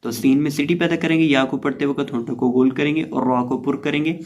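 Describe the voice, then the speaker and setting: A man teaching Quran reading who spells out letters and vowel marks one by one, then repeats each word in a slow, drawn-out recitation with explanations between. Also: mid-range voice, steady tone, darkish tone. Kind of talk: step-by-step recitation lesson.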